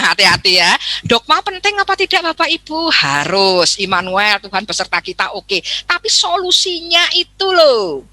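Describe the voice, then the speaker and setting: A woman's voice: mid-range voice, big pitch swings, normal speed, sharp tone, dry recording. A woman with a Javanese accent giving a chatty seminar talk, addressing her audience often and acting out little dialogues. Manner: acts out quoted dialogue.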